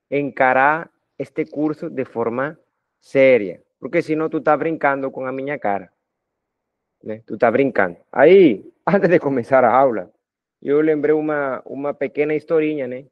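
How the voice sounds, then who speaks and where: A man's voice: medium pitch, lively intonation, normal speed, no echo. Colombian man lecturing students, lo-fi. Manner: talkative, addresses students informally with frequent tag questions. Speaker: math lecturer. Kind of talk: recorded video lecture. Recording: dull lo-fi dry sound.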